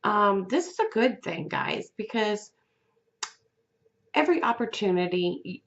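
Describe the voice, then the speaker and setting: A woman giving a weekly tarot reading in a gentle, unhurried way, with fillers and restarts. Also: medium pitch, very animated, vocal fry, highs cut off. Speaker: tarot reader.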